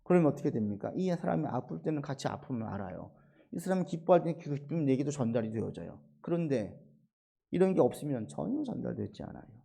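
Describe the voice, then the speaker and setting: A middle-aged male pastor preaching a sermon, dropping to soft low asides and then rising into emphatic, acted-out quotations. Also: big pitch swings, fast talker, gravelly, slightly rough.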